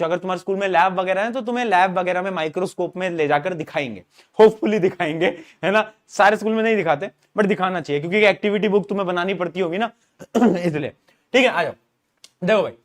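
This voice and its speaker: A man teaching an online science class in speech, asking students questions and using stories as memory aids, often clearing his throat. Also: sits high, a little fast. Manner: asks students questions, uses story mnemonics.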